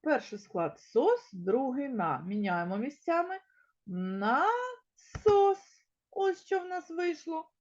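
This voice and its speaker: A woman teaching a small-children's lesson in a slow, sing-song way, stretching words out and sounding them out one by one. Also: sits high, very animated, a little mellow, muffled recording. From Ukraine. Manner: drawn-out, sound-by-sound word pronunciation. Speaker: kindergarten teacher.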